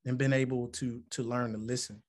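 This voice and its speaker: A man's voice: medium pitch, flat delivery, a little fast, a little mellow. Musician guest, man, 40s, from Alabama, earnest and reflective, mid-range voice. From Alabama, United States. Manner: earnest, reflective, building to emphatic points. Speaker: musician and motivational speaker. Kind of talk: interview conversation.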